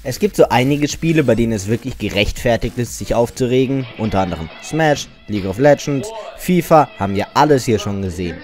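A man's voice: medium pitch, animated, brisk, few pauses, darkish tone. A man hosting and narrating a countdown in a scripted style. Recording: music behind the voice. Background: music.

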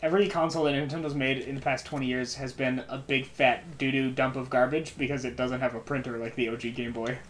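A man's voice: medium pitch, fairly even intonation, fast talker, hardly any pauses, fairly bright tone, a little hiss or hum. A man co-hosting a gaming let's play, rambling through jokes and profanity in casual banter.

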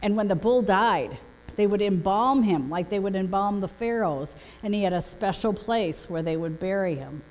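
Preaching a prepared, story-filled sermon from the pulpit, this middle-aged pastor sounds animated at a normal speed. Her voice is medium in pitch and a little mellow. The gooseneck pulpit mic picks up the long reverb of the echoing church hall.

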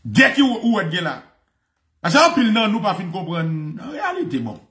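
Fiery high-voiced Haitian preacher. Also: male voice, normal speed, roomy sound. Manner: animated, laughing, swinging from shouts to low murmurs.

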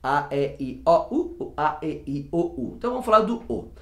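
Guy teaching english vowels, kinda high voice, repeats words a lot, echoey room. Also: animated, moderate pace, gravelly. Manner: chatty, demonstrates sounds by repeating words. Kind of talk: casual video lesson. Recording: roomy echo.

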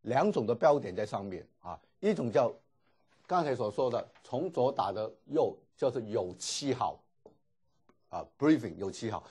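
A man's voice: medium pitch, expressive, moderate pace, a little mellow, husky. A man teaching a Greek class, explaining patiently and dropping frequent filler particles. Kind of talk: classroom lecture.

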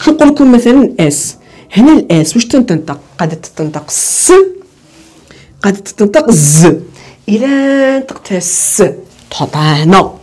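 A woman's voice: mid-range voice, big pitch swings, normal speed, a little mellow, slightly rough. A woman with an Algerian Arabic accent teaching an online English lesson. She asks questions, answers them herself, and repeats the key words. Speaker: English tutor.

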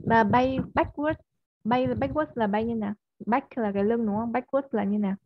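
Vietnamese teacher coaching English pronunciation. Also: female voice, a little high, fairly quick, no room sound. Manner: coaxing, keeps checking with "yes or no?" and modelling stressed words. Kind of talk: one-on-one online English lesson. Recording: slightly dull, dry audio.

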